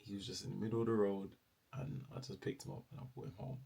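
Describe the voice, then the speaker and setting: A man's voice: on the low side, little pitch movement, fast talker, creaky, warm tone. A young man, telling a personal story casually and acting out the other people's voices playfully. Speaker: storyteller vlogger.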